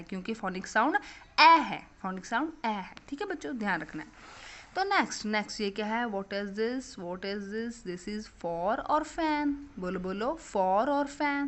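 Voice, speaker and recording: A young woman teaching phonics to children, asking questions and repeating the answers back. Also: mid-range voice. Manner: repetitive call-and-response questioning.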